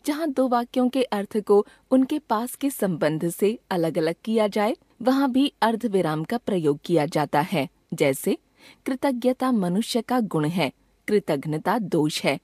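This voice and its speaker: A woman reading a grammar lesson as scripted textbook narration, measured and slow on each example sentence. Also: mid-range voice, expressive, mellow, no echo, studio quality. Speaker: grammar teacher.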